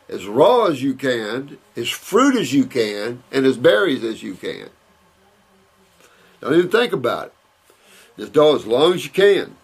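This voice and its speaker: An older naturopath answers viewer questions in a casual Q&A, reading letters aloud and responding. His gravelly, husky voice sits at a medium pitch, and he rambles emphatically, repeating words and restarting.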